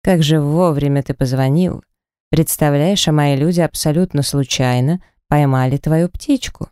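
A man's voice: a little high, normal speed, a little mellow, clean tone, no echo, clean studio sound, natural voice. A man voicing a cruel male kidnapper who taunts in a mocking, sing-song way.

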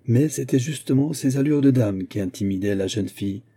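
Dark husky male audiobook narrator. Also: medium pitch. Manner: measured, literary. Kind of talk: scripted narration of a classic novel.

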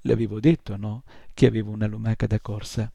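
A tiny male fairy-tale creature who explains matters politely, with quiet self-satisfaction. The voice stays close to the reader's own: low, dark and gravelly, and recorded very dry, the way a man reads him aloud. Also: flat delivery, fairly quick, dry recording. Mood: polite explaining. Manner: soft, courteous, slightly smug.

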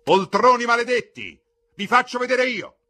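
A man voicing a brutish young man who shouts and sneers in an audiobook reading. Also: very high-pitched, lively intonation, moderate pace, pitched above the performer's own voice, exaggerated voice. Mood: furious shouting.

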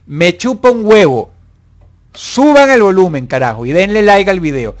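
A young man hosts a live stream in a high, bright voice. He reads out his viewers' comments and answers them with profane, mock-angry jokes. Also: sing-song, moderate pace. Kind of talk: casual live chat.

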